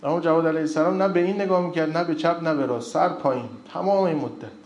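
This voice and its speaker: A man's voice: on the high side, a little mellow, highs cut off. A man giving an informal religious lecture, telling stories with joking asides and reciting old narrations in between. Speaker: religious speaker. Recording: roomy echo.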